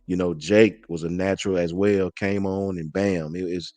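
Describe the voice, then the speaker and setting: As a live-stream guest, a man with a very low, warm voice rambles in easygoing, slangy casual chat, often stumbling and repeating himself. His tone is steady and his pace moderate, with close, dry sound and no room sound.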